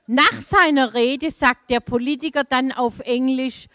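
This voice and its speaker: Lively German woman preaching with anecdotes. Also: high voice, measured pace, background noise. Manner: lively storytelling, laughing asides. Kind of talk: sermon with personal anecdote.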